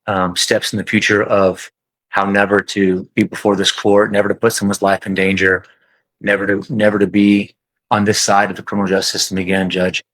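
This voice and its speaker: A man arguing formally in court as a defense attorney, measured and deferential to the judge. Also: fairly low pitch, little pitch movement, fairly bright tone, dry recording, rough recording.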